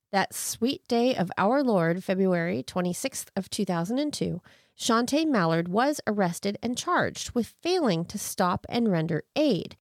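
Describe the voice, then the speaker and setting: A woman's voice: medium pitch, no room sound, clean studio sound. A woman co-hosting a true crime podcast, moving between narration and incredulous, sardonic casual commentary. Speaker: podcast co-host.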